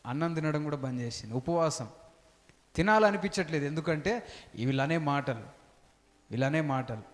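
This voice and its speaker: A man's voice: on the high side, moderate pace. A male pastor preaching a sermon, repeating his phrases and calling out hallelujah. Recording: long hall reverb.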